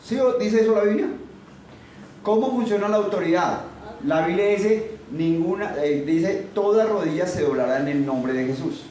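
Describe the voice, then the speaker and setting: A man's voice: sits high, moderate pace, mellow. A man preaching a sermon emphatically, firing rhetorical questions at his listeners. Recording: very echoey, far from the mic, faint noise.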